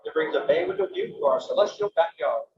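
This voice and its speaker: A man's voice: on the high side, wildly swooping pitch, darkish tone. A man giving a launch countdown and commentary over a mission-control radio transmission, like a sci-fi communicator. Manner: measured countdown calls. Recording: muffled lo-fi broadcast with faint noise.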